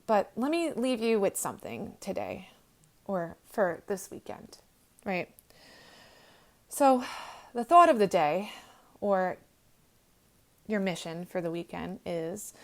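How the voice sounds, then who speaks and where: A young woman hosting a heartfelt motivational monologue, earnest and gentle, with many ums and restarts, close to tears. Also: mid-range voice, expressive, takes it slowly, long pauses. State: emotional, near tears. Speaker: host.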